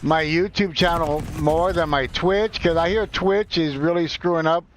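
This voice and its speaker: A man in his forties chatting casually and haltingly while live-streaming a game, rambling and self-deprecating. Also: a little high, steady tone, slight background noise. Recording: dull lo-fi, dry sound.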